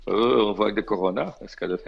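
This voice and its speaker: A Belgian man with a Belgian French accent, a guest on a radio show, telling a casual anecdote in a chatty, animated way with plenty of fillers and asides, in a slightly dull radio recording. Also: fairly low pitch, a little fast, creaky, husky.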